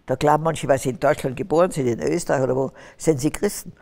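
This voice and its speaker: Deep, gravelly and darkish, the voice of this older Austrian guest moves at a quick pace. She preaches fervently during an onstage testimony interview, rising into emphatic bursts. The recording carries the reverberant sound of a large hall with a curtained stage.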